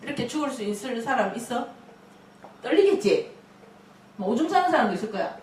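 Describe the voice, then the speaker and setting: A woman pastor preaching a lively sermon, laughing often and acting out quotes. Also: on the high side, fairly quick, slight background noise. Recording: echoey room, mic at a distance.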